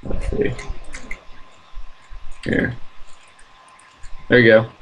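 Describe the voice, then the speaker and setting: A man's voice: extremely slow, fairly bright tone, poor audio. A young man co-playing a game, chatting casually in an easygoing, mild-mouthed way. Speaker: co-player. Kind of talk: casual gameplay chat. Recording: background noise, clicks.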